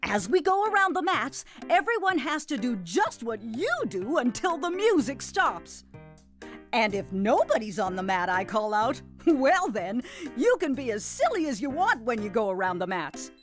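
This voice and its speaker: Grandma Nutt, a high, swooping jolly granny. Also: female voice, sing-song, normal speed, faint music behind. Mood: cheerful, instructive. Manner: folksy, gleeful, exclamatory, chuckling. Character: jolly, doting, slightly nutty grandmother game host. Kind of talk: animated children's game narration.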